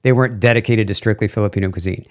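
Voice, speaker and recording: A man's voice: on the low side, racing. A man hosting a podcast, asking questions in a friendly, rambling way full of fillers. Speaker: podcast host. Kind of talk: casual podcast interview.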